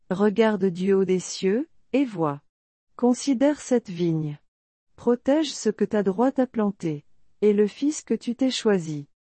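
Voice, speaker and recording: Woman, scripted religious narration, mellow warm voice, dry close recording, solemn. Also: mid-range voice, no room sound. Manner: solemn measured reading.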